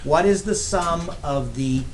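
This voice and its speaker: Guy teaching math to a class, kinda high voice, teasing the kids a bit, faint hiss. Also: slow. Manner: upbeat, teasing with students. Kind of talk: classroom lecture.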